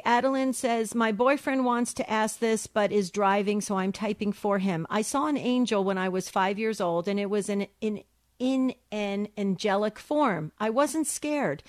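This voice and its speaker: Chatty woman co-hosting a radio show. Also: mid-range voice. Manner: chatty, many fillers and restarts. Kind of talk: casual radio talk answering listener questions.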